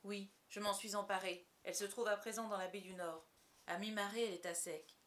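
A woman's voice: mid-range voice, fairly even intonation, a little fast, fairly bright tone, reverberant, a little hiss or hum, natural voice. A woman voicing an honest, frightened teenage cabin boy who speaks pleading and sincere.

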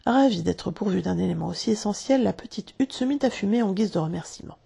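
A woman reading a children's storybook aloud in a calm, measured way. Her voice is heavily gravelly and breathy, with a dark, mellow tone. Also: mid-range voice. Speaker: narrator.

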